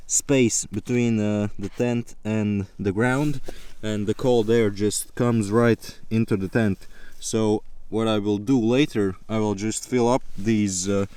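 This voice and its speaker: Low-voiced man vlogging casually outdoors. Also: steady tone, slow, hardly any pauses, warm tone, clear, resonant tone. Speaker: camping vlogger. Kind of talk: casual vlog narration to camera. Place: outdoors in a snowy winter forest.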